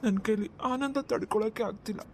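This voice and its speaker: A woman's voice: a little high, fairly quick, dark tone, a little hiss or hum, natural voice. A woman voicing a tearful, loving elder brother blessing his sister at her wedding in a cartoon. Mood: emotional. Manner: emotional, tender, blessing. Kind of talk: cartoon voice acting.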